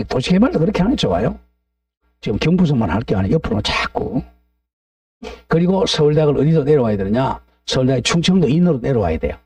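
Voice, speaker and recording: Middle-aged guy lecturing, blunt and ranty, pitch jumps all over, kinda dark mellow tone, a bit off mic. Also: no echo, recorded from a distance. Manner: blunt, ranting, asks the class for agreement. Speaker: real estate law instructor. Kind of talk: lecture with opinionated digressions.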